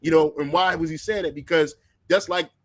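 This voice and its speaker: A man's voice: on the high side, steady tone, fairly quick, no echo. A man speaking with preachy conviction in a religious discussion, often repeating words as he starts phrases.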